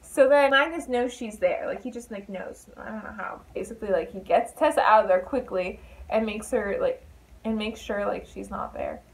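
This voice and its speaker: A woman's voice: medium pitch, fairly even intonation, normal speed, gravelly, poor audio. A young woman chatting casually as a book vlogger, full of fillers and asides.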